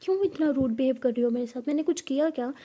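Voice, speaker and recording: A woman's voice: high voice, quick pace, warm tone. A woman voicing a playful, affectionate young girlfriend who teases and coaxes her partner. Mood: teasing. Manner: teasing, coaxing.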